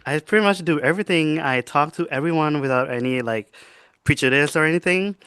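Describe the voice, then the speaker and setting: A young man, co-hosting a podcast in casual chat, telling stories in a lively way with many fillers. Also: a little high, brisk, smooth, dry recording. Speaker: podcast co-host.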